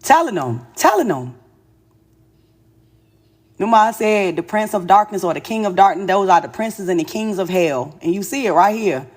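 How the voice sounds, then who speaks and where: A woman giving a live tarot reading, telling it in an animated, slangy way with frequent exclamations and laughter. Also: medium pitch, normal speed. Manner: casual slangy storytelling. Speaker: tarot reader.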